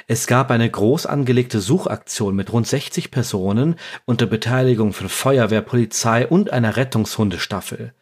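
A man with a lightly raspy voice at a middle pitch co-hosts a podcast. He presents in a prepared, scripted style. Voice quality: slightly raspy. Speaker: podcast co-host.

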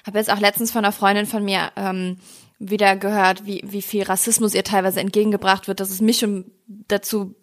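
A woman's voice: medium pitch, level tone, fairly quick. A woman from Germany hosting a podcast, asking questions in an engaged, reflective way with occasional fillers. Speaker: podcast host. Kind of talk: casual podcast interview.

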